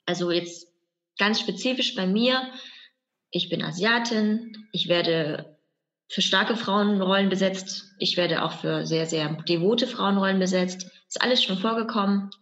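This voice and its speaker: A woman in a relaxed interview, circling her thoughts and restarting her sentences as she works through an idea. Her voice sits in a middle register, and the recording sounds a little dull and lo-fi. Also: mid-range voice, unhurried. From Germany. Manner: reflective, rambling with many restarts and fillers. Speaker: actress and guest. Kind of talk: conversational interview.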